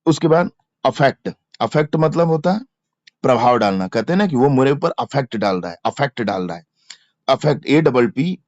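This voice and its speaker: A man's voice: medium pitch, animated, normal speed, darkish tone, dry recording. A male teacher with a Hindi accent, giving an exam-prep grammar lecture, spelling words out letter by letter and repeating each verb form. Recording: dry, slightly dull lo-fi mic.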